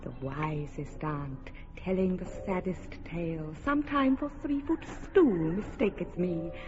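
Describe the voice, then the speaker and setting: A woman voicing Puck, a mischievous trickster fairy, in lively, teasing radio drama. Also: on the low side, measured pace. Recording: dull lo-fi radio with long reverb and background ambience.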